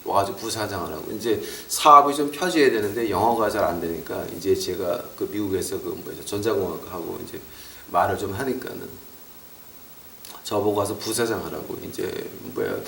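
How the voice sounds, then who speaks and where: Animated preacher in an echoey hall. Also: male voice, on the low side, normal speed, creaky, slight background noise. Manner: animated preaching, acting out scolding relatives; slips short English phrases into his talk. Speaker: pastor. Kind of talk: sermon. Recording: roomy echo, mic far off.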